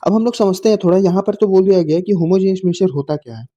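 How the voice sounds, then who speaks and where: A man's voice: high-pitched, dark tone. Man teaching science, dull lo-fi sound. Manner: slow reading of English definitions, then explains in Hindi with repeated checks; coaxing, informal, addresses students as bhaiya. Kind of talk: classroom lecture to school students.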